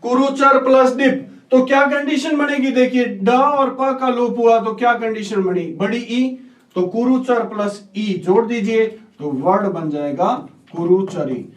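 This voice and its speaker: Teaching an online grammar lesson, a man with an extremely high voice speaks a little slowly, picked up by a distant mic in a roomy space. He quizzes his students as "बेटा", then answers his own questions and repeats each key answer.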